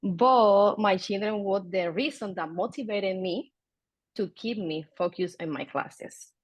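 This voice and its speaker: A woman's voice: medium pitch, unhurried, dry recording. Woman from the Dominican Republic on a panel. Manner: direct and simple, with some slips. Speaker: panelist, former adult learner. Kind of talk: answering on a panel.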